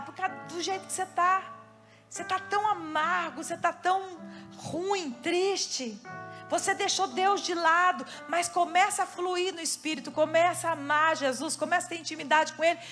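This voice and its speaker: A Brazilian woman pastor preaching in church, her voice sitting high and bright. She tells lively stories and slips into quick quoted asides. Instrumental music plays clearly underneath her. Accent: Brazilian Portuguese. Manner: animated storytelling with quoted asides. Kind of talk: sermon.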